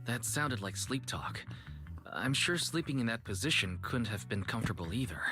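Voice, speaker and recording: A quiet, hesitant young man, with a mid-pitched voice that rises and falls a lot. He speaks gently. Clear game music sits behind him. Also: very animated, normal speed. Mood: concerned. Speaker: game protagonist.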